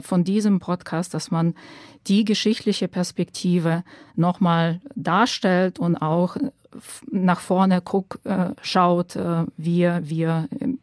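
A woman's voice: on the low side, darkish tone, no echo. A woman from Ukraine, a podcast guest in a radio studio, speaking earnestly and thoughtfully with frequent hesitations. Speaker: guest, activist. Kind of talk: conversational podcast talk.

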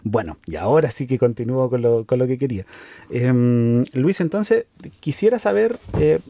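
Male interviewer, mid pitch, warm mellow voice, dry recording, easygoing questions. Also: animated, moderate pace, vocal fry, a little hiss or hum. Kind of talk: conversational interview.

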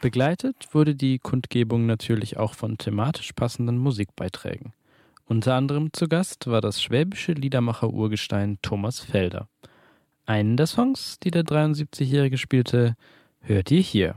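A male reporter giving calm, matter-of-fact scripted narration. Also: mid-range voice, moderate pace, no room sound, studio quality.

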